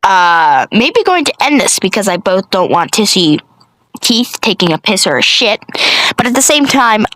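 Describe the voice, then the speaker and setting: A woman telling a rambling comedic story full of swearing, self-corrections and deadpan asides. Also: medium pitch, normal speed, no echo, poor audio.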